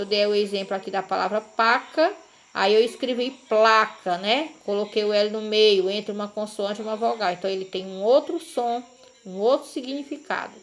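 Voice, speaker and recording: A woman teacher, patiently explaining a lesson to children and often checking in with short tag questions. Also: medium pitch. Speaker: primary school teacher. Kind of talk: recorded class lesson for children.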